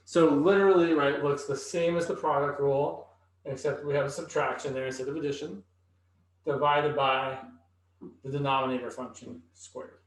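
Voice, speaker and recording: A man's voice: fairly high pitch, steady tone, moderate pace. Male math instructor, thinks aloud while writing, very echoey room, far from the mic. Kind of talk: recorded classroom lecture.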